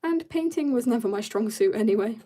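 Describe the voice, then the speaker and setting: A woman on a casual drawing livestream reads out viewer comments, answers them and drifts into quiet mumbling to herself as she works, mentioning she's tired. Her voice is fairly high, animated and a little fast.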